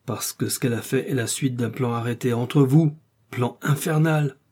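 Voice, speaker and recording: A man's voice: mid-range voice, normal speed, dark tone, lightly acted. A man voicing a stern, suspicious police commissioner who interrogates in a storybook reading. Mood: accusing.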